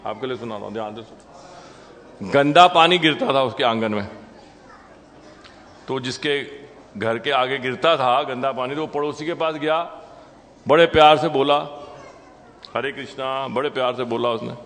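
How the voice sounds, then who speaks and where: A man's voice: medium pitch, moderate pace, long pauses, a bit bright, long reverb tail. A man giving a Sunday sermon as temple lecturer, conversational and teasing the audience with questions. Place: temple hall.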